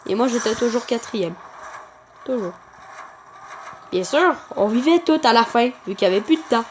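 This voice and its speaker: A woman giving chatty, excitable gameplay commentary for her channel, talking to viewers and taunting opponents. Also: on the high side, moderate pace, a little hiss or hum.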